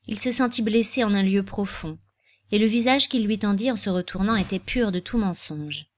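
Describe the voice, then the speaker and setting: A woman narrating a literary novel as an audiobook in a measured, expressive reading. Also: mid-range voice.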